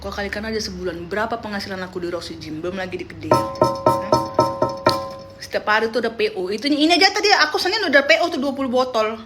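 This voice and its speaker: A young woman chatting on a phone livestream, telling animated stories and quoting her friends. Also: medium pitch, quick pace, music in the background. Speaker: live streamer. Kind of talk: casual livestream chat.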